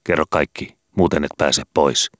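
A man's voice: very deep voice, steady tone, fairly bright tone, dry recording, studio quality. Man reading as a lazy, drawling young detective.

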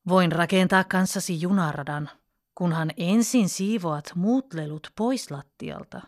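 A woman voicing a patient father in a storybook tale, speaking low and quietly. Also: close to an everyday voice. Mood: calm.

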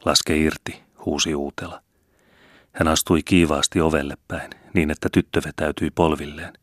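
A man reading a classic novel aloud as an audiobook narrator, measured and earnest. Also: rumbling low, fairly even intonation, no echo, studio quality. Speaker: audiobook reader.

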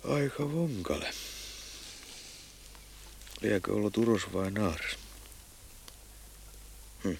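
A man narrating his own unhurried, reflective thoughts as a hunter out in the woods. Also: fairly low pitch, animated, creaky, a little hiss or hum. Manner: musing, unhurried. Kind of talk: reflective inner monologue in a drama.

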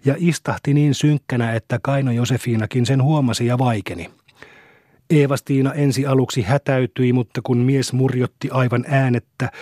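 Husky male audiobook narrator. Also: mid-range voice, no echo, studio quality. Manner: even, measured storytelling.

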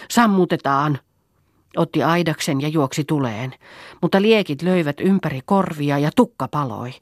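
A woman reading an audiobook aloud in scripted narration, with an even, measured delivery. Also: deep voice, dry recording, studio quality. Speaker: audiobook reader.

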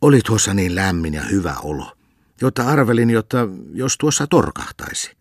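A man's voice: fairly low pitch, big pitch swings, breathy edge, no room sound, clean studio sound, voice pushed up, heavily acted. A man voicing a sleepy, easygoing old farmer who grumbles contentedly after being woken, in a storybook reading. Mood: drowsy. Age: older.

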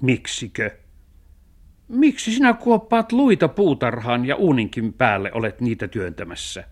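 A man voicing a thrifty, sensible male cat in a children's radio story, talking in a dry, reasoning way with a sharp tongue. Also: medium pitch, big pitch swings, pitched above the performer's own voice. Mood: explaining.

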